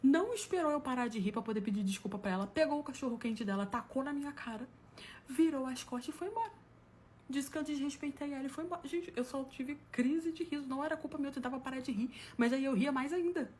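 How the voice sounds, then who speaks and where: A woman's voice: high-pitched, quick pace, a little hiss or hum. A woman from Brazil telling comic personal stories in a casual way, laughing and acting out what people said. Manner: animated, laughs at her own story, acts out quotes. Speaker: storyteller.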